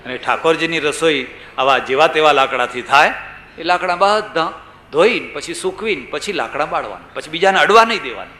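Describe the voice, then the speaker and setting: Male preacher, bright voice, storytelling sermon with rhetorical questions, echoey room. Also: a little high, lively intonation, brisk. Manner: storytelling, rhetorical questions, acts out quoted people. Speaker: swami giving a religious discourse.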